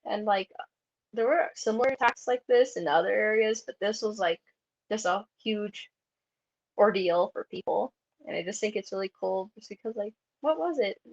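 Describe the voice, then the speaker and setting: A woman presents at a convention panel in a loose, chatty way, her speech full of "like" fillers and restarts. Her mid-pitched voice has a gravelly vocal fry. The recording sounds dull and lo-fi. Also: lively intonation, moderate pace. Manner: chatty, heavy use of "like" fillers. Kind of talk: casual presentation.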